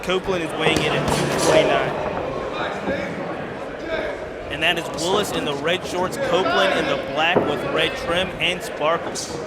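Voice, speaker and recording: Higher-pitched male boxing play-by-play commentator. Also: steady tone, normal speed, pauses often, heavy background noise. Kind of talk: live sports commentary. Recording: loud music and crowd behind.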